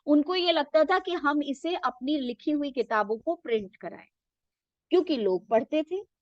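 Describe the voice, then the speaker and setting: A woman teacher with an Indian English accent, giving an exam-focused class lesson, mixing Hindi and English and reading textbook lines slowly before explaining them. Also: high-pitched, expressive, no room sound. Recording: dull, dry lo-fi recording.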